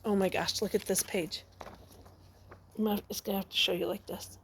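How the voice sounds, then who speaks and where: At a fairly quick clip and medium pitch, a woman performs a picture book for young children, full of exclamations, with frequent pauses to ask questions and make asides. There's a touch of background noise.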